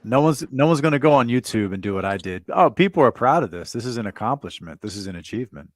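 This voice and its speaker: A man's voice: medium pitch, very animated, quick pace, no room sound. A man hosting a casual political chat show, talking bluntly and repeating words as he starts his sentences. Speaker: show host.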